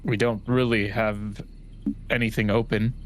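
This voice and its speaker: A man's voice: fairly low pitch, little pitch movement, a little slow, slight background noise. A man chatting casually as a player in a tabletop game.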